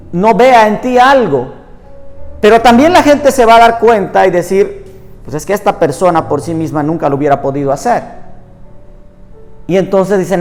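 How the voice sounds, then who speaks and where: A man preaching a sermon in Spanish, earnest, reading scripture aloud at length. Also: high voice. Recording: reverberant room with soft music behind.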